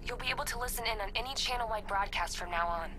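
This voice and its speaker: A determined high-voiced hacker ally. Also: female voice, quick pace, pushed and bright. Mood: urgent. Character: determined young female hacker ally on comms. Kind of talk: video game voice acting.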